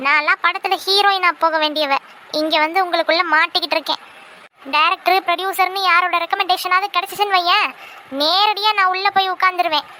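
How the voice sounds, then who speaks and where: A woman's voice: very high voice, fairly even intonation, fast talker, pushed and bright, slight background noise. A woman voicing a cheeky, vain teenage daughter in a cartoon, whiny and boastful.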